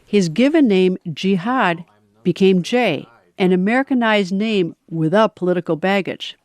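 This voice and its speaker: A woman reading scripted documentary narration in a measured, even way. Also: medium pitch, no echo.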